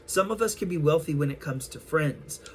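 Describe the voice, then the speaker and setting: A man giving a spiritual tarot reading to an online audience, speaking in a gentle, affirming way and calling his listeners darlings and collective. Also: a little high, lively intonation, fairly quick, slight background noise. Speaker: tarot reader.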